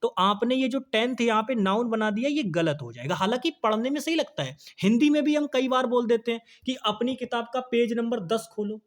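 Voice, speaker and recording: Male Hindi grammar teacher explaining slowly. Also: very high voice. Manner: explains in Hindi, reads English sentences slowly; asks the students questions and answers them himself. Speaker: English teacher. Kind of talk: exam-prep grammar lesson.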